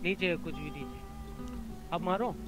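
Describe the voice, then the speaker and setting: A man with an Indian accent on voice chat, giving brief quiet replies to teammates. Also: high voice, fast talker, music in the background. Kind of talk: gameplay voice chat.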